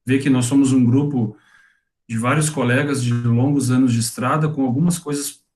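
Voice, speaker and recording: A man's voice: mid-range voice, fairly even intonation, normal speed, a little mellow. Friendly man moderating a meeting. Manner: friendly and collegial. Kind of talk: encouraging group wrap-up.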